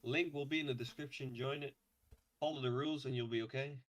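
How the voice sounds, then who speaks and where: A man in his twenties hosting a casual podcast, relaxed and hesitant with many ums. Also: mid-range voice, quick pace. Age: 20s. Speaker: podcast host. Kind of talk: casual chat.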